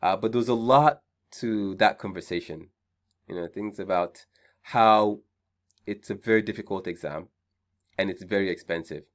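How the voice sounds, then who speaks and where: The online career seminar is led by a man with a Nigerian accent whose voice is on the low side, at a moderate pace with many pauses. He talks conversationally, repeating his main ideas and regularly checking in by asking "right?".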